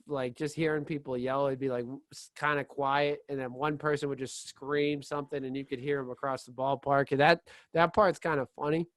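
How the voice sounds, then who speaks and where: Excitable guy chatting sports, kinda high voice, keeps saying like, dry close mic. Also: no room sound. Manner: rambling, heavy on "like" and restarts; excitable, laughs easily. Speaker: podcast co-host. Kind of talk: casual sports chat.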